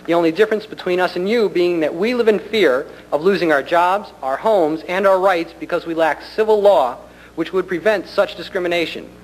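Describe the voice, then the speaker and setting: A man delivers a prepared public speech at a government meeting in an earnest, deliberate and polite way. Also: high voice. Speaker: community center director addressing a county commission. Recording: noisy hum, 1990 public meeting recording.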